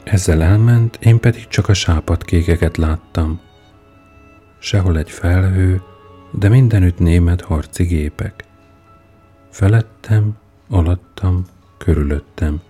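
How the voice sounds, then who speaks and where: A man narrating a first-person story as an audiobook reader, in a measured, unhurried manner. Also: low voice, dark tone, husky, soft background music.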